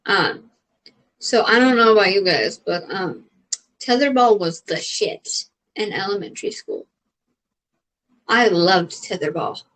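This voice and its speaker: A woman's voice: medium pitch, animated, measured pace, long pauses, fairly bright tone, rough recording. A young adult woman, a comedian, chatting casually as she answers questions, rambling with lots of fillers and casual swearing. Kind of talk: casual chat.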